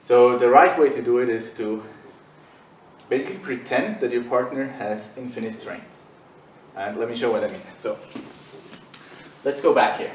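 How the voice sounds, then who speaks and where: A man's voice: medium pitch, normal speed, reverberant, recorded from a distance, a little hiss or hum, poor audio. A man teaching jiu-jitsu in a loose, conversational way while demonstrating on the mat. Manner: loose and conversational, many fillers. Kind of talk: casual instructional demo.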